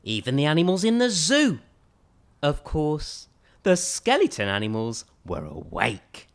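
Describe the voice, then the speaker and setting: A woman's voice: low voice, wildly swooping pitch, unhurried. A woman storyteller reading a children's storybook expressively, with theatrical, emphatic phrasing.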